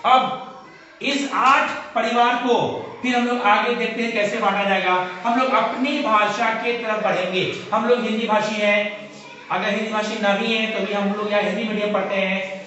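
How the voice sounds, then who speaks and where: A man giving a measured, explanatory classroom lecture, speaking directly to his students. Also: sits high, steady tone, bright, forceful tone. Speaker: teacher. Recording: echoey room, far from mic, dull lo-fi sound, faint hiss.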